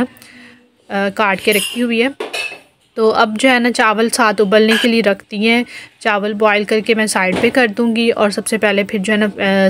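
A woman's voice: mid-range voice, slight background noise. A woman in her thirties with a Pakistani accent, chatting casually through a home vlog voice-over and explaining each step with lots of fillers. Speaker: home vlogger.

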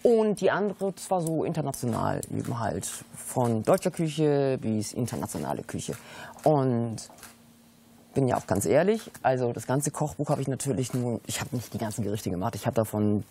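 A woman's voice: rumbling low, very animated, moderate pace, mellow, slight background noise. A middle-aged woman from Sudan, chatting casually as a guest cook in a TV studio kitchen, breaking off mid-sentence and dropping in foreign words. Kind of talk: casual chat while cooking on TV.

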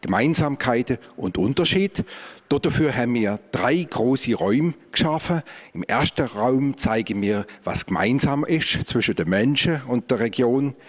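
A man's voice: medium pitch, expressive, a little slow. A man, a museum director explaining exhibits on a guided tour, speaking into a handheld mic in a large exhibition hall. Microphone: handheld microphone.

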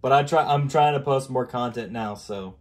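Rambling, halting young man streamer. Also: mid-range voice. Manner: rambling, halting, lots of fillers. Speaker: streamer host. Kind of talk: casual chat on a live stream. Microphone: video chat computer mic.

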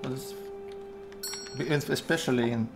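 A man in his twenties with a Russian accent, thinking aloud in halting fragments as he gives casual live game commentary. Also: on the high side, wildly swooping pitch. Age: 20s. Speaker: game streamer. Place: indoor room at a computer. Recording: music behind the voice. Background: music, keyboard typing.

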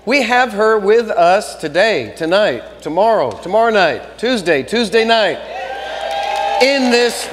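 High-voiced man welcoming a congregation. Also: long reverb tail, slight background noise. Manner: enthusiastic, effusive. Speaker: pastor. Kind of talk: church welcome and announcements. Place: large church sanctuary.

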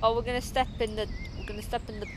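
A woman's voice: a little high, little pitch movement, very fast, slight background noise. A young woman giving casual gameplay commentary, bemused and repeating herself in disbelief. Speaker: video game player. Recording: game music behind her.

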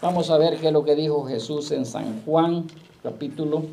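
A man pastor preaching a sermon, firing rhetorical questions at the congregation and slowing down to quote scripture. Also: on the high side, gravelly, dark tone.

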